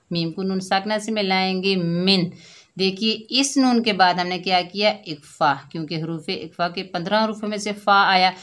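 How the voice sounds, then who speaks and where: A woman teaching Quran recitation rules step by step, explaining slowly and drawing out chanted examples. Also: medium pitch, fairly bright tone. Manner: slow, deliberate explaining, with drawn-out chanted examples; often checks in with "theek hai". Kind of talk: step-by-step tajweed lesson.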